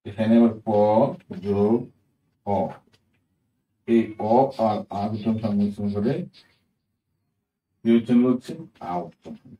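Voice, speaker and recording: A man's voice: fairly low pitch, flat delivery, muffled recording. Guy teaching english sounds, patient, keeps checking "ok?", echoey room, mic kinda far. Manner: patient, addresses viewers as friends, asks "ঠিক আছে?", corrects himself with "sorry"; slows down to spell out example words letter by letter. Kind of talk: spoken lesson, explaining pronunciation rules.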